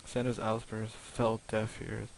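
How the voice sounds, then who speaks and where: A man's voice: lowish voice, monotone, a little slow, creaky, slight background noise, poor audio. A man reading a game's story text aloud, stumbling and restarting now and then. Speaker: reader of a visual novel. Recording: voice over loud game music.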